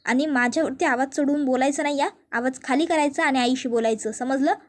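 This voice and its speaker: A furious middle-aged mother from a TV serial, retold in a recap, as a woman narrator voices her. She scolds loudly in a high voice. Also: brisk, natural voice. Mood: scolding. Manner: loud, scolding.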